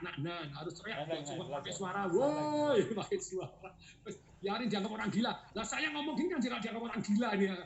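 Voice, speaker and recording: Energetic high-voiced seminar man. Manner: energetic, laughing, urging the audience to shout. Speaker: seminar speaker. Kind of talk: motivational seminar talk. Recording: roomy, dull lo-fi sound.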